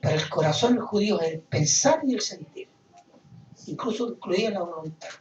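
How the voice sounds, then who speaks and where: A man preaching a sermon, asking rhetorical questions and rising into loud emphasis. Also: high-pitched, expressive, a little fast, echoey room, recorded from a distance, lo-fi sound, slight background noise. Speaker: pastor.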